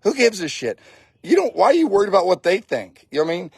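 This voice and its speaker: A man's voice: high voice, big pitch swings, fast, vocal fry, slightly rough, dry recording. A man in his late forties giving a blunt, casual motivational talk as a fire service instructor, swearing freely and repeating lines for emphasis. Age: 40s.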